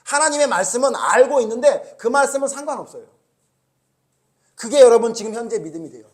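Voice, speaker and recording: A male pastor delivers a Sunday sermon in a rather high voice. He peppers the congregation with rhetorical questions and swings from raised, scolding emphasis to low, hushed asides. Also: fairly quick. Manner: animated preaching, rising loud when scolding, dropping low and quiet.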